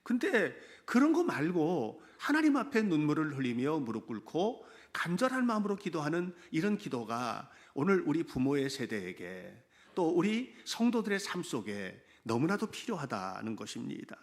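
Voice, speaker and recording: Animated male pastor preaching. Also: on the high side, normal speed, hardly any pauses. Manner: animated, asks the congregation many questions. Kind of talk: sermon.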